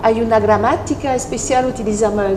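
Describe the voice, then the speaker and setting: A woman from France speaking Spanish with a French accent, calmly explaining her work as an interview guest, with pauses and restarts. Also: fairly high pitch, echoey room, background noise. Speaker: guest, NLP practitioner. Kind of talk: interview conversation.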